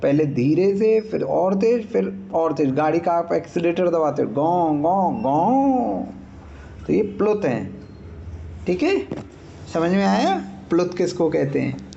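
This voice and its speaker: A man's voice: a little high, sing-song, a little slow, creaky, warm tone, highs cut off, a little hiss or hum. A man teaching Sanskrit grammar in an online class, patiently explaining and checking that students follow. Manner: patient, checks understanding, demonstrates sounds aloud.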